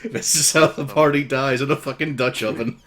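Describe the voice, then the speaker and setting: A man's voice: mid-range voice, steady tone, moderate pace, a bit bright, a little hiss or hum. A man running a live tabletop role-playing game, narrating scenes playfully and laughing often. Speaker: game master.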